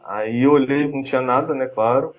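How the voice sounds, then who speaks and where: A man with a Brazilian Portuguese accent tells a story in casual conversation, his medium-pitched voice moving briskly. He's chatty, constantly using fillers and starting over, and the sound quality is lo-fi.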